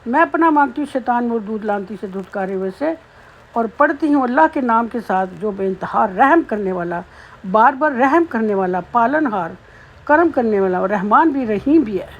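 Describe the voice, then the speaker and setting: A woman teaching Quran recitation, patiently explaining pronunciation between slowly chanted verses. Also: on the high side, expressive, lo-fi sound. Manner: slow melodic chanting of verses, then patient spoken explanation. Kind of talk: tajweed lesson, recitation with explanation.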